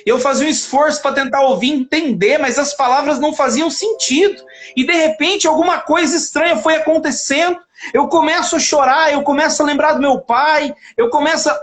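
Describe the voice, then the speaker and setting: A man's voice: very high-pitched, brisk, a bit bright. A man giving a faith testimony as a guest in a live conversation, telling his story with animation, acting out the dialogue and laughing often.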